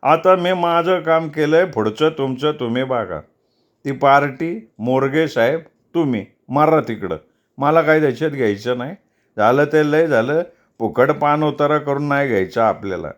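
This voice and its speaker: A man's voice: medium pitch, normal speed, natural voice. A man voicing a pushy, greedy middle-aged fixer, bullying and scornful. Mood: self-righteous. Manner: bullying, scornful, self-important.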